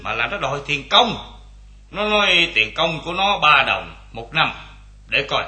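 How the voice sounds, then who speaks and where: An actor playing a stingy, bad-tempered rich old landowner who scolds and grumbles. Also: male voice, medium pitch, pushed and bright. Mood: calculating.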